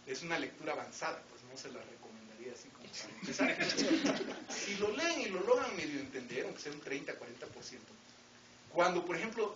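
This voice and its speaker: A middle-aged man with a Mexican accent lecturing students in an academic talk, with wry joking asides and frequent rhetorical questions. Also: on the high side. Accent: Mexican Spanish. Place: lecture hall with audience. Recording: roomy, distant, dull, noisy lecture hall recording.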